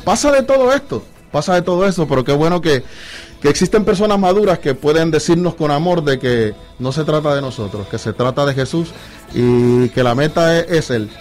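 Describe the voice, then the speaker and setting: Man, guest musician, storytelling, slightly high voice, faint music behind. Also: moderate pace. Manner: animated storytelling, acts out dialogue with God. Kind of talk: casual interview testimony.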